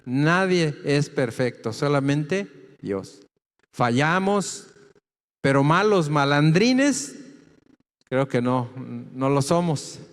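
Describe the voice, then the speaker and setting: A man preaching a sermon, slow and emphatic, putting questions to the congregation. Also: fairly high pitch, long reverb tail. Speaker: pastor. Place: church hall.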